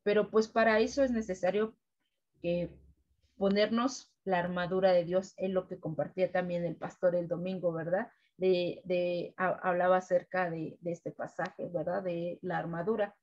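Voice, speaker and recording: A woman leading a weekly Bible devotional, preaching gently and ending nearly every sentence with a questioning "right?". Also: on the low side, fairly even intonation, moderate pace, dull audio. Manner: keeps adding "right?" tags, gentle repetitive preaching. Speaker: devotional co-host.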